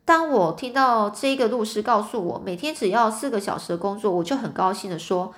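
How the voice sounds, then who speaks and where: A woman's voice: medium pitch, animated, brisk. A woman reading a detective storybook aloud in a casual way, with many filler particles.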